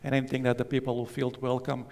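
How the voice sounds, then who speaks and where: A man's voice: mid-range voice, completely flat delivery, very fast, gravelly, a little mellow. A man answering as a panelist at a business forum, earnest and plain-spoken.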